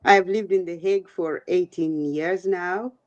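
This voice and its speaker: A woman's voice: fairly low pitch, fairly even intonation, a little slow, muffled recording. Ugandan-born woman on a video call. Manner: conversational, with frequent fillers. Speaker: guest. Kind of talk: online interview. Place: home, The Hague.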